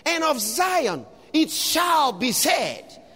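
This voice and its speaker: A man preaching a fervent sermon, reading scripture aloud, calling out to the congregation and shouting refrains, at times slipping into speaking in tongues. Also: extremely high pitch, very animated, extremely slow. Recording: long hall reverb.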